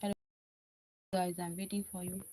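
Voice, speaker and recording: A woman hosting a casual live stream in a quiet back room of a house, chatting and answering viewer comments. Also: on the low side, little pitch movement, normal speed, a little hiss or hum.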